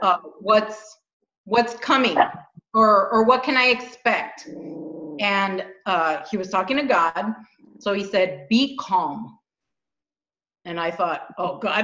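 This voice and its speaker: A spiritual podcast co-host, a middle-aged woman with a medium-pitched, slightly bright voice, talks earnestly and animatedly in an informal spiritual discussion. She frequently repeats her words. The room is echoey and the sound is dull and lo-fi.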